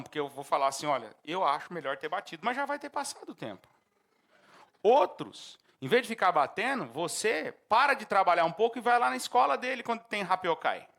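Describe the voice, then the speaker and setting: A man with a Brazilian Portuguese accent preaching a sermon as pastor, breaking into animated outbursts and acted-out shouts. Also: sits high, vocal fry.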